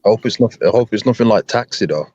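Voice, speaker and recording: Low easygoing man, dull line. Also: lively intonation, fast, darkish tone. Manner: easygoing, agrees a lot, ends lines with "man". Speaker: panel guest. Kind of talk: casual panel chat.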